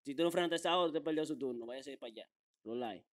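A man's voice: medium pitch, rapid-fire. A young man with a Dominican Spanish accent, giving a brash, slangy interview and repeating phrases for emphasis. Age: young adult. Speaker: interview guest. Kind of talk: casual street-slang interview. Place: small furnished room indoors. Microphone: handheld microphone held out by interviewer.

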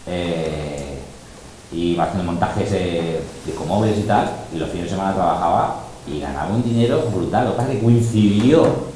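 A man's voice: sits low, animated, moderate pace, warm tone. A middle-aged man, a DJ and teacher, talking in a casual, emphatic and boastful way to a group of students, often acting out quotes. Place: large school room with students. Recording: very echoey room, faint noise.

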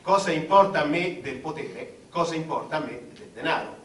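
A man's voice: a little high, lively intonation, moderate pace, a little hiss or hum. An actor playing a petulant, lustful, pompous king, declaiming in absurdist stage comedy. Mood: haughty complaining. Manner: pompous declamation, swinging into shouts. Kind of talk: absurdist comic stage theatre. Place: theatre stage with audience. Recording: echoey theatre, distant microphone.

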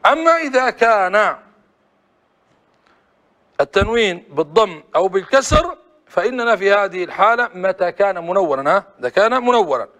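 A man's voice: sits high, sing-song, brisk, long pauses, fairly bright tone. A man teaching a classroom grammar lesson, often asking the class short prompting questions. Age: adult.

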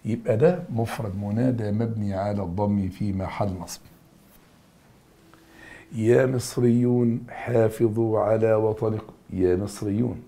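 A man with an Egyptian Arabic accent runs a recorded grammar review lesson in a gravelly, fry-edged voice. His tone is dark and mellow and sits fairly low. He hammers each answer home with repetition, calling his students by friendly nicknames. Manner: drills answers with emphatic repetition, addressing students familiarly. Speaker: teacher.

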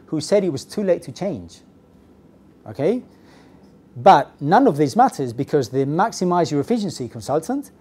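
A middle-aged man giving a business English class lecture, lively and constantly checking in with the audience. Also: fairly high pitch. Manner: lively, asks the audience "okay? yes?" often. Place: classroom with projector screen. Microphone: lapel mic.

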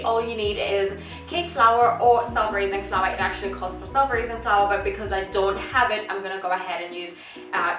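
Filmed from a tripod camera across a roomy home kitchen with music in the background, this cooking vlogger walks through a casual recipe. She's a young South African woman in her twenties with a medium-pitched, fairly bright voice. Chatty and upbeat, she laughs a lot and keeps turning to talk with her toddler.

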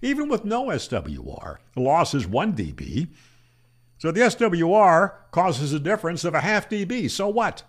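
An older Florida man who teaches ham radio debunks antenna myths on camera, matter-of-fact and posing rhetorical questions to himself. His pitch swings hugely at a moderate pace. He speaks into a studio microphone on a boom arm in a small room.

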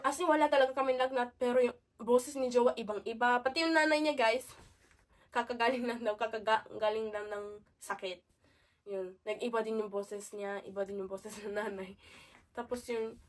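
Chatty woman vlogger, sick with a cold and cough, fairly high voice, sits back from the mic. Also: recorded from a distance. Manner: chatty, keeps calling out to viewers. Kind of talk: casual chat to camera.

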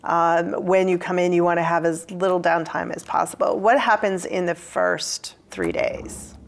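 An older woman hosting a TV studio interview, asking guiding questions and adding quick affirmations. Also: lowish voice, creaky. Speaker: TV show host. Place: TV studio set.

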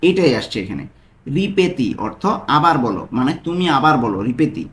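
A man teaching a language lesson, saying each phrase slowly and then repeating it, explaining it word by word. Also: medium pitch, reverberant. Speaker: language tutor.

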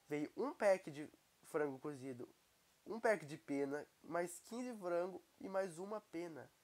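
A young man with a Brazilian Portuguese accent, commenting casually and excitably on his gameplay while he has a cold. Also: fairly high pitch. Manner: excitable, exclaiming at the screen. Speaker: gaming YouTuber.

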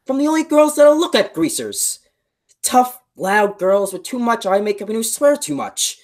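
Picture a sensitive teenage greaser boy who speaks earnestly about what troubles him, in a school production. The voice sits a little high and moves lively up and down. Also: moderate pace. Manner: earnest, reflective. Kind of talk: school play read remotely.

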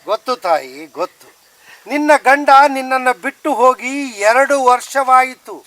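A man playing a fake godman in a comedy sketch, with a slow, solemn preaching delivery and a North Karnataka Kannada accent. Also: extremely high pitch, animated, fairly bright tone. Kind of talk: scripted comedy sketch acting. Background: background music.

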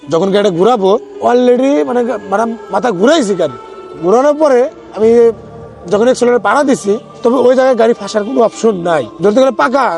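A man's voice: very high-pitched, gravelly, a little mellow. A man, an ambulance driver, telling his own experience in a casual, rambling way, often restarting his sentences. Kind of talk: casual first-person storytelling. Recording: faint background music.

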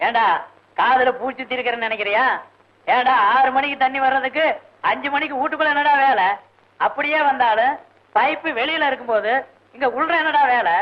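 A man's voice: extremely high pitch, a little fast, long pauses. An actor playing a stern older man who scolds a youngster and catches him out. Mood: scolding. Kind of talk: 1980s film acting. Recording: dull old film soundtrack.

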